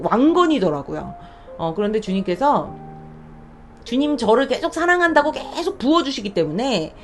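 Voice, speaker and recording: Woman, podcast testimony host: earnest, very lively pitch, soft music under. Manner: earnest, animated, talks to listeners directly. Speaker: church deaconess, podcast host. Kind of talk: faith testimony talk.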